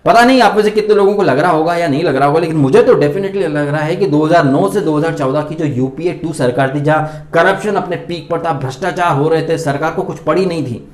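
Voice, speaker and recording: A man's voice: on the high side, brisk, hardly any pauses. A man delivering opinionated political commentary for his channel, indignant and full of rhetorical questions. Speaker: vlog host and political commentator. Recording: roomy echoey room.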